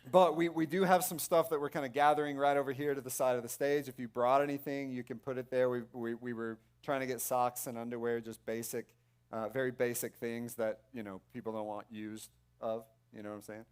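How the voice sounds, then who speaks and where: Smooth-voiced man hosting at church. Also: medium pitch, flat delivery. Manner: halting, many fillers and restarts. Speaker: church host. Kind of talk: casual stage announcements. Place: church sanctuary stage.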